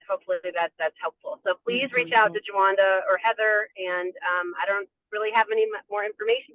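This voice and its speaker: Sex: man. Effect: speakerphone from a moving car. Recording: tinny dry phone line. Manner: hesitant, restarts often. Pitch: high for a man. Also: no room sound. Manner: hesitant, many ums and restarts. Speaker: advocacy member calling in. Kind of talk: casual update on a conference call. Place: inside a car while driving.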